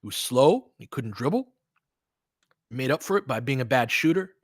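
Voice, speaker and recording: At a normal speed, a basketball play-by-play host and coach delivers animated live commentary in a mid-range voice, chatting casually with listeners. He's mildly profane and lets asides trail off, and the studio-quality audio has no echo.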